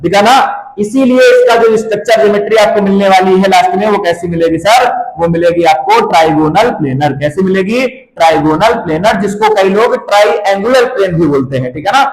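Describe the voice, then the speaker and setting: High-voiced male chemistry teacher, quizzing the class and answering himself, in a roomy echo. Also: a little fast, few pauses. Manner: asks students questions and answers them himself, calls them "beta". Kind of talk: classroom lecture at a board.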